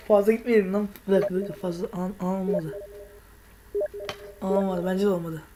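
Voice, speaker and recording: A woman's voice: mid-range voice, fairly even intonation, moderate pace, long pauses, heavy background noise. A woman hosting a gaming video, chatting casually with slang and frequent laughter as she teases others. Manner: laughing often, slangy and teasing.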